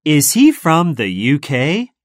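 Woman with a low voice reading test questions, lots of rise and fall, slow, dry close mic. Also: big pitch swings, no room sound. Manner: slow, carefully enunciated questions for learners. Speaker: listening test reader. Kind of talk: scripted textbook dialogue reading.

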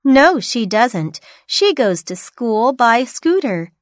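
Slow, high, lively woman reader. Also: no echo, studio quality. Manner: slow, carefully enunciated for learners. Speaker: listening test reader. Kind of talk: scripted textbook dialogue reading.

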